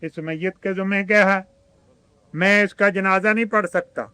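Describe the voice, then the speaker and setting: A man's voice: high voice, fairly even intonation, normal speed, sharp tone, clear, resonant tone, dry recording. A man with an Urdu-speaking Pakistani accent giving a religious sermon, asking his listeners rhetorical questions and quoting Arabic scripture. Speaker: religious teacher.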